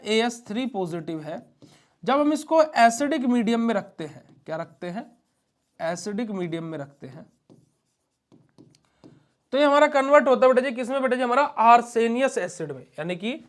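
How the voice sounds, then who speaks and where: High-voiced man lecturing pharmacy students. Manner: asks questions and answers them himself, calls students "beta ji". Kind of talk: classroom lecture.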